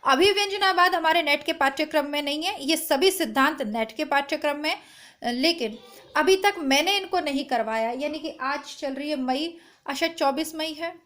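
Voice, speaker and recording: At a moderate pace, this Hindi exam-prep teacher chats to camera, reassuring students and speaking to them directly as she covers the exam syllabus. Her voice is high, hoarse, strained and a bit bright, recorded at home with no proper mic, only a phone or built-in device.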